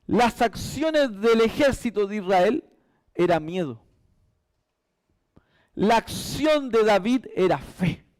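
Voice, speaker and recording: A man's voice: high-pitched, expressive, slow pace, pauses often, darkish tone. A male pastor preaching a sermon in a church, emphatic and repetitive.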